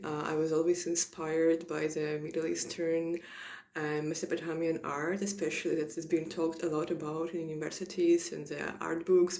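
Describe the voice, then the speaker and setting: A woman's voice: low-pitched, vocal fry, dark tone. A woman from Ukraine, an illustrator and painter, gives a hesitant personal artist statement full of filler sounds. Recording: roomy echo.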